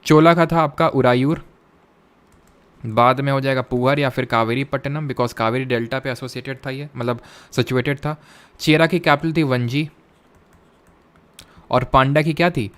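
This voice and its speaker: A man's voice: mid-range voice, fairly even intonation, moderate pace, long pauses, clear, resonant tone. Indian man teaching an exam-prep lesson. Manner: asks questions and answers them himself; mixes English terms into speech. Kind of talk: classroom lecture with quiz questions.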